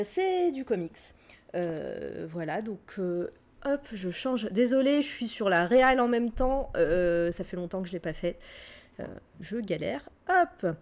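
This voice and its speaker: A woman's voice: mid-range voice, darkish tone. A young woman co-hosting a web radio stream in casual chat, hesitant, with many fillers and restarts. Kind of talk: casual live-stream chat, book recommendation.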